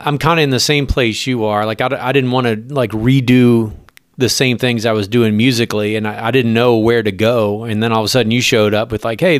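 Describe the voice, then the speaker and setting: Eager halting radio man, dry sound. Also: mid-range voice, fairly bright tone, clean tone, dry recording. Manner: eager, halting, lots of likes and ums. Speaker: radio broadcaster and voice actor guest. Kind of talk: casual interview chat.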